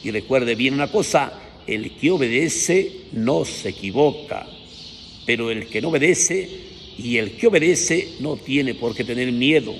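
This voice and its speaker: Mexican preacher, crude and colloquial. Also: male voice, mid-range voice, expressive, measured pace. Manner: colloquial, crude, rhetorical "¿sí?" tags. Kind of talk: preaching with folksy anecdotes. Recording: echoey hall, faint noise.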